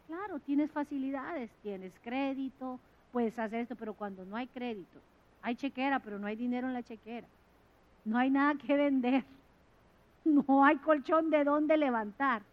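A woman preaching a sermon, swinging from loud, fervent bursts to hushed asides. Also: sits high, moderate pace, lo-fi sound.

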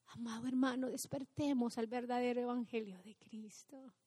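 A woman pastor preaching an impassioned sermon, swinging between loud exclamations and near-whispers. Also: a little high, fairly even intonation, moderate pace, long reverb tail.

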